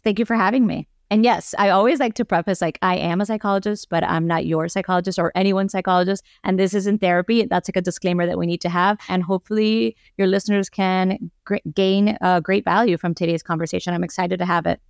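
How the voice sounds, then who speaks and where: A woman's voice: on the low side, steady tone, fast talker, vocal fry, hardly any pauses, no echo, studio quality. A woman in her thirties from Miami, a guest psychologist on a podcast, explaining things in a thoughtful way with a lot of "like". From Miami, United States. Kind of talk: podcast interview.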